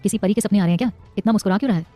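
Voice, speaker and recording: A woman's voice: mid-range voice, racing, warm tone, faint music behind, close to an everyday voice. A woman voicing a playful young man who teases his friend. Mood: teasing. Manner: teasing, playful. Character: joking young man, loyal teasing friend.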